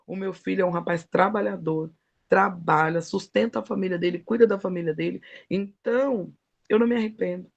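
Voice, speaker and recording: Middle-aged woman giving a sermon, gravelly voice, talks folksy and emphatic. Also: fairly low pitch, a little fast, dull audio. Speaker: preacher. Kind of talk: devotional sermon.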